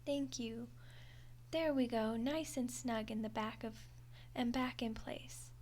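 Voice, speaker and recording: Here a woman performs an audio roleplay monologue to the listener as an undead skeleton girl, friendly yet awkward, chatty and hesitant, with a wry defensiveness and a friendly, sheepish mood. She speaks slowly in a somewhat high, slightly mellow voice. A bit of hiss or hum runs underneath.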